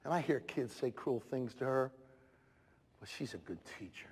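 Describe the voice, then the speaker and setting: A man giving a motivational talk at a school assembly, emphatic, swinging from shouts to soft urging. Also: mid-range voice, animated, normal speed, breathy edge. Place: large school hall with student audience. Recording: echoey hall, crowd noise.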